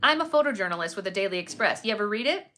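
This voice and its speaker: A joking, easygoing young man with a camera, chatting up a stranger, as a woman reader puts him on in a storybook reading. The tone is bright and clear, light and teasing. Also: mid-range voice, lively intonation, racing, a little hiss or hum. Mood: breezy. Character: friendly young male photojournalist, cheeky.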